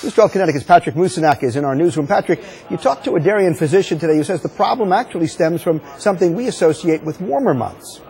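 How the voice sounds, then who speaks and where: Fast-talking American male news anchor. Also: on the high side, animated, creaky, darkish tone. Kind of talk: scripted news introduction.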